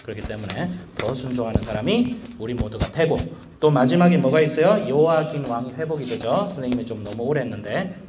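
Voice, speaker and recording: Animated man preaching to students. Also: medium pitch, fairly quick, few pauses, noisy background. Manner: animated, slangy, full of rhetorical questions. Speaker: school evangelist and teacher. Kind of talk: casual devotional sermon to students.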